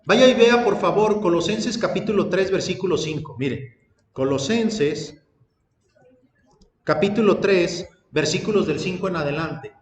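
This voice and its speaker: A man preaches a sermon in a high voice. He tells stories, voices the people in them, and builds up lists with rising emphasis. His voice rings through an echoey church hall with a long reverb and faint background noise. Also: lively intonation, a little slow. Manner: storytelling, acts out dialogue, rises to emphatic lists. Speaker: pastor.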